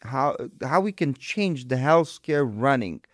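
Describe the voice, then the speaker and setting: A middle-aged Ukrainian man with a Ukrainian accent appears as a guest surgeon in a conversational interview, explaining things emphatically. His mid-range voice has lively intonation and a slightly slow pace, recorded dry at studio quality.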